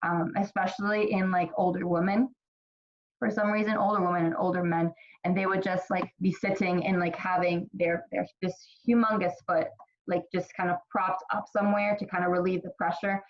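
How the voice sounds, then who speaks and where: A woman from Ethiopia teaches a college microbiology class in a loose, conversational way, full of fillers and restarted sentences. Her voice sits a little low for a woman. The recording sounds slightly dull and lo-fi. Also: little pitch movement, brisk. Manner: chatty, many fillers and restarts. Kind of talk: casual recorded lecture.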